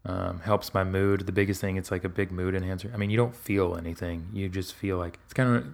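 Deep-voiced man talking candidly. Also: fairly even intonation, fairly quick, creaky. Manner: candid, rambling with many fillers and restarts. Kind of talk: casual podcast conversation.

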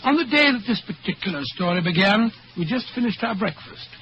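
A man's voice: high voice, animated, brisk. An actor playing an elderly, genial British doctor telling his memories in an old-fashioned, avuncular 1940s radio style. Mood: grave reminiscing. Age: older. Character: elderly, genial, lonely English doctor reminiscing. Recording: dull, hissy 1940s radio recording.

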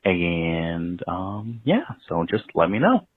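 A man's voice: low-pitched, very animated, takes it slowly, dry recording. A man leaving a voicemail for a show, rambling with many ums and uhs. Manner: rambling, lots of um and uh fillers. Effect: leaving a voicemail over the phone. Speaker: caller. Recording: tinny phone line voicemail.

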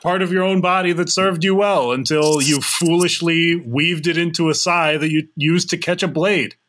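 A man's voice: fairly high pitch, fairly even intonation, normal speed, a bit bright. A man hosting a casual podcast chat over a remote call, joking and flustered by tech trouble. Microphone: remote call recording.

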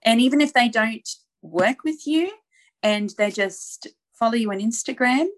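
Her voice is fairly high and expressive, moving at a moderate pace. As a podcast guest who works as a brand strategist and mentor, she talks casually and earnestly about her ideas, peppering them with rhetorical questions and plenty of "you know" and similar fillers.

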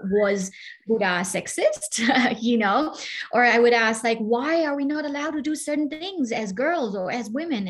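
A higher-pitched woman from Burma, 30s or older, tells her story as a podcast guest; she's a coach and entrepreneur. The interview is casual personal storytelling, and she speaks conversationally, quoting imagined dialogue and saying "like" often.

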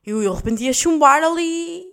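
A woman's voice: high-pitched, animated, moderate pace, creaky, a bit bright. A young adult woman with a European Portuguese accent, hosting a podcast and telling a story in casual chat, laughing often and swearing freely in slangy speech. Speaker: podcast host.

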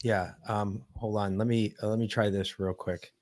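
A man's voice: lowish voice, flat delivery, normal speed, darkish tone, dry recording. A man hosting a call-in show, talking casually and informally as he handles the calls. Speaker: host taking calls. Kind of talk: casual chat.

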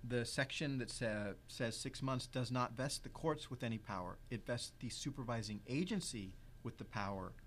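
A man explaining legal rules in an interview, measured and precise, stressing key words. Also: mid-range voice, a bit bright, a little hiss or hum. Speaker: legal expert guest.

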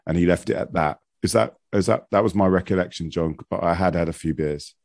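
A man's voice: low-pitched, fairly quick, creaky, a little mellow, dry recording, clean studio sound. A man from England hosting a casual football podcast, bantering and teasing his co-hosts. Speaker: podcast host. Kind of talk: casual chat.

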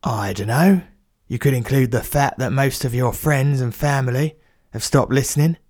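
A man's voice: medium pitch, normal speed, darkish tone, no echo, clean studio sound, close to an everyday voice. A man voicing a cheeky, blunt working-class plumber, in a comic audio story. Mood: matey. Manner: blunt, matey, slangy.

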